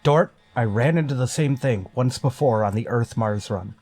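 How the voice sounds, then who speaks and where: In a golden age sci-fi radio drama, an actor plays a stern, wary male starship captain with a clipped, commanding manner and a grim mood. His medium-pitched, darkish voice moves at a moderate pace and stays close to an everyday voice. Soft music plays in the background.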